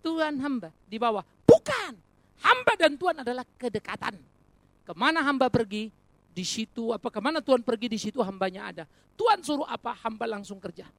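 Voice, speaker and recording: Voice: mid-range voice, fairly quick, no room sound. Preacher giving a sermon, voice swings up and down a lot, cracks jokes then gets serious, talks right to the crowd. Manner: animated, rhetorical, addresses congregation as brothers and sisters; jokey asides amid earnest preaching.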